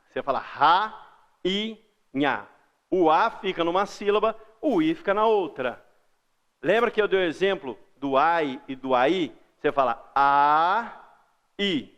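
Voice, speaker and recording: A man with a Brazilian accent teaching a recorded grammar lesson to schoolchildren, patiently stretching out example words. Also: high voice. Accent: Brazilian Portuguese. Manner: patient, drawn-out example words, frequent "ó" and "beleza?".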